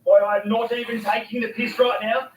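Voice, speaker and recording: Excitable high-voiced man outdoors. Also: normal speed. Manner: excitable, exclaiming loudly, slangy. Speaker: fishing vlogger. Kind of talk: casual outdoor fishing commentary. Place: outdoors by the water. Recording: distant, echoey outdoor sound with noise.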